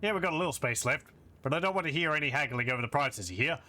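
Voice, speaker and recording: Surly game innkeeper, read by a man: brusque, impatient, suspicious, bright forward voice. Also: a little high, animated, very fast.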